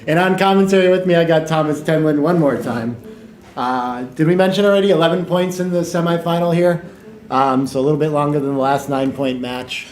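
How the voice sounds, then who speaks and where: A man doing casual, joking commentary on a live tournament stream. His remarks often trail off into quieter asides. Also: a little high, brisk. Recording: echoey room with some background noise.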